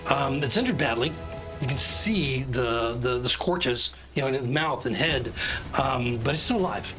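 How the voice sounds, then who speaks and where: A man running a tabletop game as game master, narrating the action vividly with halting restarts. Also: medium pitch, animated, music in the background, poor audio.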